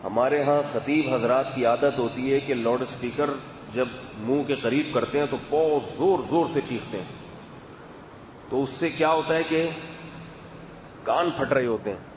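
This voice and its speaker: A man giving a conversational religious talk in a calm, chatty way, with asides to his audience. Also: medium pitch. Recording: echoey hall, faint background hum.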